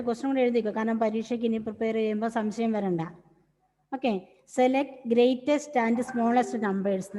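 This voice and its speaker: A woman's voice: on the high side, dark tone, big-room sound. A woman teacher giving an online class over a video call, patiently repeating each instruction step by step.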